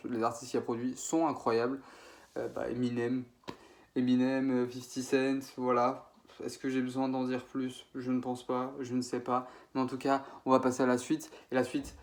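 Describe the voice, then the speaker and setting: A young man from France, casually ranking his favorite rap producers, rambling with many fillers and self-corrections. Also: medium pitch. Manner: slangy, informal French. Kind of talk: casual spoken ranking video.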